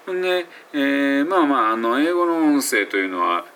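A man's voice: medium pitch, sing-song, normal speed, pushed and bright, slight background noise. A man with a Kansai Japanese accent, teaching English pronunciation in a casual audio blog, rambling and correcting himself as he sounds out example words.

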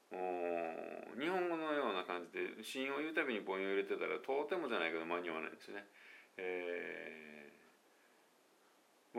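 Chatty man with a gravelly voice. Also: lowish voice, sharp tone. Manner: chatty, self-correcting, laughs at own slips; mixes English phrases into Japanese talk. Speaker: English pronunciation coach. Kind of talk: casual monologue video.

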